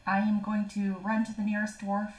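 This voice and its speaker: A woman's voice: mid-range voice, monotone, moderate pace, darkish tone, breathy edge. A woman playing a tabletop game whose voice keeps cutting out on a bad online call connection. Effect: voice breaking up on a bad call connection. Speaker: player.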